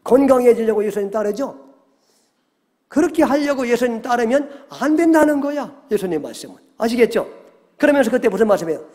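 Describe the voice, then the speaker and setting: A male pastor preaching a Sunday sermon, animated, often checking in with the congregation and acting out quoted voices. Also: extremely high pitch, fairly quick. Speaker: senior pastor. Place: church sanctuary. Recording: long church hall reverb.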